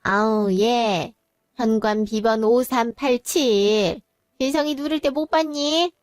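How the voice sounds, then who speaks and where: A woman's voice: fairly high pitch, takes it slowly, darkish tone, no room sound, clean studio sound. A woman voice actor playing a pushy, nagging older mother-in-law in a Korean audio drama. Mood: grumbling. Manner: nagging, bossy.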